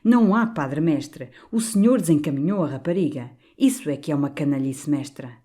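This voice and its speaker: A woman's voice: sits low, lively intonation, normal speed, warm tone. A woman voicing an old, stout, blustering canon priest who bellows in outrage, for an audiobook. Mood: furious.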